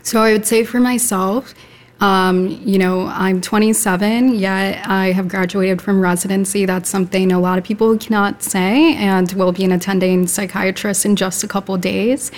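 A woman's voice: medium pitch, steady tone, moderate pace. A woman in her twenties, a psychiatrist on a panel, speaking confidently and articulately. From United States. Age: 20s. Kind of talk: casual discussion.

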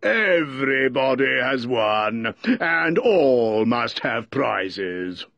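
A man's voice: medium pitch, animated, vocal fry, fairly bright tone, no echo, highs cut off, pitched above the performer's own voice, exaggerated voice. A man voicing a solemn, self-important dodo who makes ponderous, pompous pronouncements. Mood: declaiming. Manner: solemn, pompous, drawn-out speech-making.

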